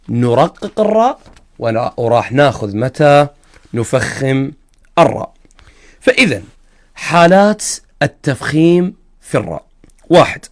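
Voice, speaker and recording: A man with an Iraqi accent teaching the rules of Quran recitation, explaining step by step and drawing out the example sounds. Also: fairly high pitch. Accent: Iraqi Arabic. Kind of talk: religious lesson on recitation rules.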